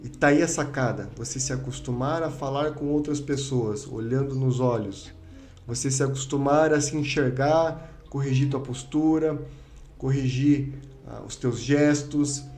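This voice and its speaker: A man's voice: mid-range voice, unhurried, darkish tone, roomy sound. A man hosting a podcast, teaching public speaking in a didactic way and acting out his students' complaints. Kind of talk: instructive podcast talk. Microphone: studio microphone.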